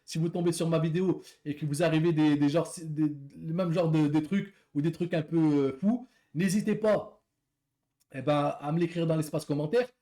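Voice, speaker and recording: A man's voice: fairly high pitch, moderate pace, warm tone. A man who works as a delivery rider, telling a story in a casual, rambling way, repeating words and talking to viewers as friends.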